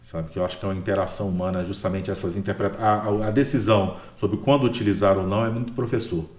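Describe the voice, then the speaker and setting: Talking very fast in a lowish, steady, somewhat mellow voice, a Brazilian Portuguese-accented man discusses his work as a history professor in a relaxed interview. Nearly every sentence gets a questioning "né?" tacked on, and the recording has a roomy echo.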